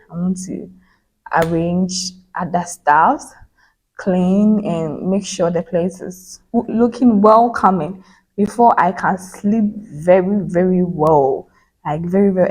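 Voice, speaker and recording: A woman's voice: lowish voice, mellow. A young woman vlogging into her phone's back camera, talking earnestly and repeating phrases for emphasis. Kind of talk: casual reflective vlog monologue.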